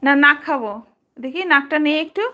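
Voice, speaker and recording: Bright high-voiced woman coaxing her dog. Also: brisk, dull audio. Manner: coaxing, repeating short commands. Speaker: dog owner. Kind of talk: playful talk to a pet dog.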